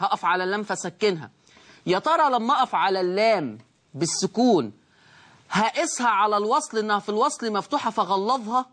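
A man's voice: sits high, fairly bright tone. Egyptian man teaching Quran recitation. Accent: Egyptian Arabic. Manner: explains slowly, drawing out the recited words; asks the class questions and answers them himself. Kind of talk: tajweed lesson.

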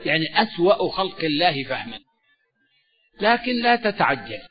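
A man giving a religious lesson, measured and explanatory, often repeating key words. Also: on the high side, big pitch swings. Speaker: Quran teacher. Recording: dull lo-fi recording with faint music.

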